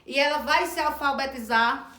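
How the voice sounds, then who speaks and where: Woman educator, high pitch, clear instructional delivery that spells out sounds slowly; roomy echo on the track. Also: bright, forceful tone. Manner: slow, deliberate sounding out of words and letters. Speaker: teacher trainer. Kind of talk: instructional lesson on early literacy. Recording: echoey room.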